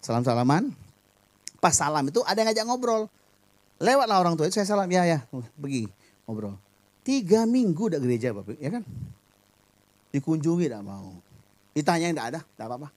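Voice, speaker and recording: Animated pastor preaching with humor. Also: male voice, fairly high pitch, brisk, long pauses. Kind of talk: sermon.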